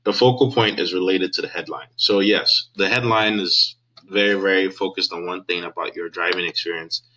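A man's voice: low-pitched, steady tone, normal speed, bright, forceful tone, highs cut off. A man hosting his own channel, casually talking through an ad on his screen and thinking aloud with fillers and restarts. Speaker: host of a copywriting channel. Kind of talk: casual screen-share tutorial.

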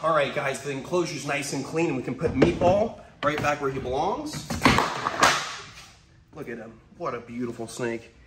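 A young man hosting a hands-on animal vlog as a reptile keeper, excitable and playful, moving between hushed murmurs and loud exclamations. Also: mid-range voice, moderate pace, reverberant. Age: young adult. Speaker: wildlife host, reptile keeper. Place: large indoor reptile room with concrete floor. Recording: room noise, camera mic.

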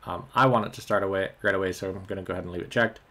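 A man's voice: sits low, rapid-fire. Man walking through a screen recording. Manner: relaxed, many ums and uhs. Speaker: tech tutorial host. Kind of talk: screen-recorded software walkthrough.

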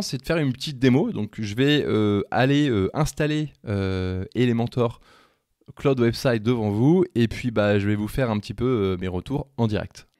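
Male tutorial host, low register, dry sound; chatty, eager, hesitant delivery for a screencast demo. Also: a little mellow, dry recording. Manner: chatty and enthusiastic, hesitant with many fillers. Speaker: web design trainer. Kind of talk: casual screen-recorded software demo.

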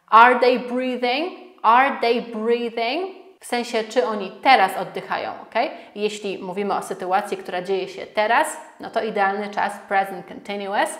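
A young woman teaches a language lesson at an unhurried pace, in a mid-range voice. She models each phrase slowly and carefully, repeating it so listeners can copy her. The room around her is noticeably echoey. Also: medium pitch. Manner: slow, careful model pronunciation repeated for students. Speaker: English teacher.

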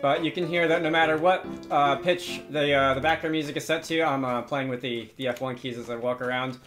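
A man at an indoor computer gives an unscripted, casual screencast tutorial, hesitating as he thinks aloud while working. He speaks briskly in a medium-pitched, steady voice over music.

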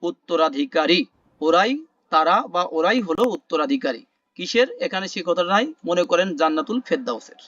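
A man teaching an online class, explaining word meanings slowly, repeating terms and quizzing the class. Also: fairly high pitch, expressive, fairly bright tone, no echo, muffled recording. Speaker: Quran vocabulary teacher. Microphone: video call.

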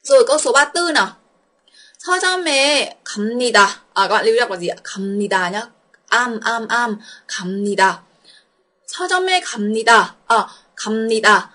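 A Vietnamese woman teaching a Korean exam walkthrough, coaxing her students with quick questions. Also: a little high, sing-song, bright, forceful tone.

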